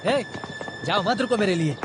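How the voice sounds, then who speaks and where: A man's voice: sits high, lively intonation, moderate pace, loud music behind the voice. An actor dubbing a bitter young male college student who talks in an irritated, complaining way.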